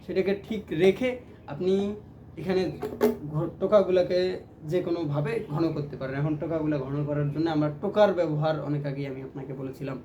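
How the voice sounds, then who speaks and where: A man with a slightly high voice teaches ukulele, talking a little fast as he explains strums, counting them and chanting rhythm syllables aloud while he plays. Loud plucked strings sit under his voice in this music lesson, and the audio is dull with background noise.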